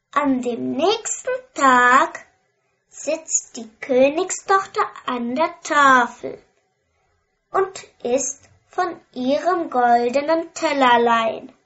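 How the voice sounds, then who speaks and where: A woman's voice: high voice, fairly bright tone, dull audio. A woman reading a fairy tale aloud for language learners, asking and answering her own simple questions. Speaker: reader of a graded story. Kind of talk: slow storybook reading for learners.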